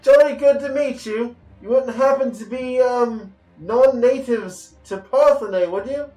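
A man's voice: very high-pitched, unhurried, dark tone, roomy sound, recorded from a distance, faint music behind, voice pushed up. A man doing a muffled, chipper prisoner speaking through a wall. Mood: courteous. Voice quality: jolly, genteel mock-British phrasing. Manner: muffled speech from behind a wall, mouth covered by a hand. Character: chipper, polite male prisoner in a cell.

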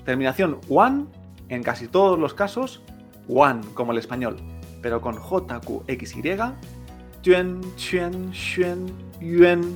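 Man, Chinese teacher, patient, repeats sounds, fairly high voice, faint background music. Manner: patient, repeats sounds slowly with frequent "¿eh?" checks. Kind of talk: pronunciation lesson.

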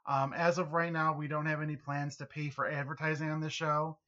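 Bright-voiced American man, wry podcast banter. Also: a little high, little pitch movement, brisk, dull audio. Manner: wry, self-deprecating. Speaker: podcast co-host. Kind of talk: casual comedic podcast chat.

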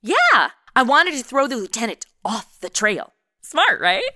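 A woman's voice: on the high side, sing-song, measured pace, pushed and bright, no echo, clean studio sound, heavily acted. An actress playing a flippant, sassy young modern woman who fancies herself a sleuth, chatting in slang in a comedic radio drama. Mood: flippant, amused.

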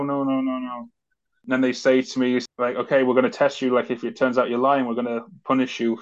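A man, a former soldier, recounting events as an interview guest in a loose, conversational way with many fillers. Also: medium pitch. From Britain. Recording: dull lo-fi audio.

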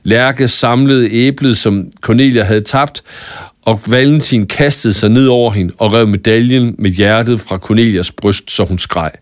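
A man reading a scripted Christmas story aloud in a calm, even storytelling manner with small stumbles now and then. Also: medium pitch, no echo, clean studio sound. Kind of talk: scripted audiobook narration of a Christmas tale.

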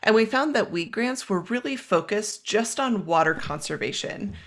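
A guest expert with a gravelly, creaky edge walks through policy details in a measured, methodical way. They list items one after another and fill pauses with frequent "um"s in a relaxed podcast chat. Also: medium pitch. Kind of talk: explanatory podcast conversation.

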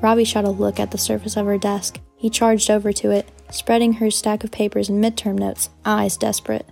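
A woman reading a novel aloud in measured, dramatic storytelling. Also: medium pitch, little pitch movement, gravelly, a little mellow, faint music behind. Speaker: audiobook narrator. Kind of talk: scripted narration.

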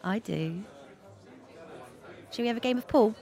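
A woman's voice: fairly high pitch, measured pace, vocal fry, dark tone. An actress playing an odd, blunt young woman, who speaks in a dry, matter-of-fact way.

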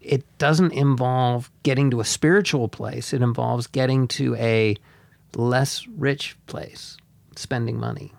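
A man co-hosting a podcast who chats casually, mostly agreeing briefly and adding relaxed remarks. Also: mid-range voice, a little slow, vocal fry, no echo. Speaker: podcast co-host.

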